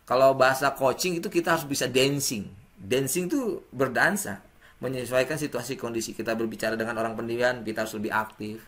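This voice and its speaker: A man giving a classroom lecture, animated and acting out sample messages with wide swings in pitch. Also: brisk.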